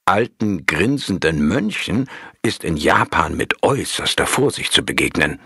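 Man narrating a story, slow and lively, bit breathy and dry. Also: deep voice, no room sound. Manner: calm, measured storytelling. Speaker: audiobook narrator.

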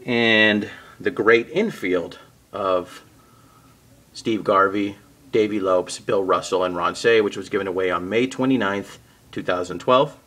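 A man casually narrating a walkthrough of his collection on home shelves, naming items one after another with the odd pause and self-correction. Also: on the low side. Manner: steady list-like naming with occasional uh and self-corrections. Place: indoors at home by display shelves.

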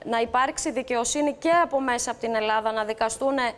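A woman speaking as the victim's sister on a talk show, recounting events in a halting, hesitant way. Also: a little high. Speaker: victim's sister, studio guest. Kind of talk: talk-show guest account.

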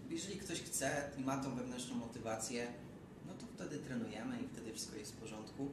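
A young man, a running coach, explaining his views calmly and firmly in casual conversation. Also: mid-range voice, fairly quick. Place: bright office room. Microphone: far camera. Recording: echoey room from far off with noise.

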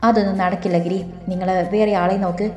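A woman's voice: mid-range voice, flat delivery, quick pace, mellow, roomy sound, natural voice. A woman voicing Karthu, a proud, stubborn young office worker who answers in curt, defiant lines, in a storybook reading.

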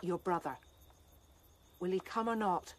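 An actress playing a concerned woman of the chorus in a stage tragedy, asking calm, probing questions. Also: fairly low pitch, a little slow, a little hiss or hum, lightly acted.

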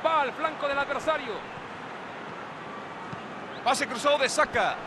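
An energetic male play-by-play announcer in a football video game. His voice is very high, with loud stadium noise behind it. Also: unhurried. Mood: engaged. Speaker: lead play-by-play football commentator.

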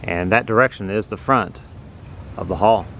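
A man narrating a walking tour outdoors on a city sidewalk, explaining things slowly and plainly as he films with a handheld phone. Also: on the low side, gravelly, fairly bright tone, slight background noise. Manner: slow, plain, informative. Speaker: vlogger touring a building. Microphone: handheld phone camera.

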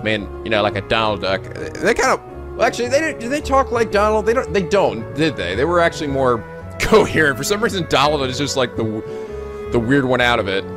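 Over background game music, a male host riffs playfully on gameplay, exclaiming and cursing without restraint. He sounds a little high, with big pitch swings and a fairly quick pace.

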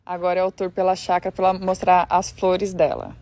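A woman's voice: lowish voice, brisk, mellow. A young woman talking casually and playfully while filming on a country estate. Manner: chatty, playful. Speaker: vlogger. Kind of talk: casual vlog chat.

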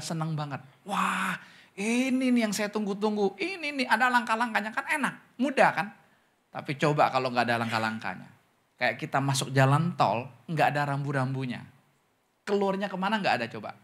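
A man preaching a sermon as pastor, talking straight to the congregation and acting out questions in other voices. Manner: animated preaching, often calls the congregation "saudara"; acts out questioners' voices in higher pitch.

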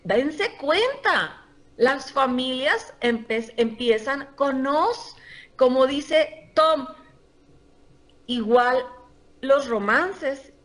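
A woman presenting a workshop, speaking lively and chatty to her audience and laughing often. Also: high voice. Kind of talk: live seminar talk to a group.

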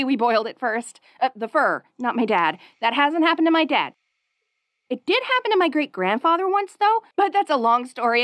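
Bubbly, high-voiced young wolf girl, played by a woman. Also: no room sound, clean studio sound.

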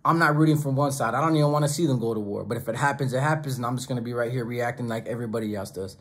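A husky-voiced man with a mid-range pitch preaches rapid-fire to the camera as host of his YouTube channel. He sits at a desk close to the lens in a small home studio equipped with monitors and speakers. His commentary is emphatic and sermonizing, repeating phrases in list-like runs.

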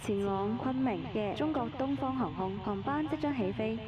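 A woman making a formal boarding announcement over an airport PA system, in a measured, formal announcer manner. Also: a little high. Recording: muffled distant loudspeaker with noise.

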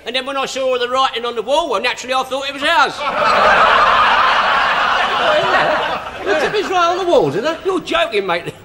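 An actor playing a cheeky, laddish young bus driver in a 1970s TV sitcom, with an English accent. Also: male voice, very high voice, animated, normal speed, pauses often, very noisy.

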